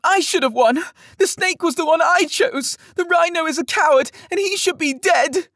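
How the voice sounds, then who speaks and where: A man voicing a spoiled young boy lord who cries and rages in a shrill, sobbing tantrum. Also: expressive, normal speed, a bit bright, no room sound, clean studio sound. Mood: tearful rage. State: crying. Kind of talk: audiobook character voice.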